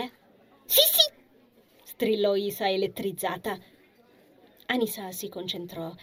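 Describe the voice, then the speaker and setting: A woman reading a fantasy novel aloud in a calm, even storytelling manner. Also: fairly low pitch, slightly rough. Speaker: audiobook narrator. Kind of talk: scripted narration.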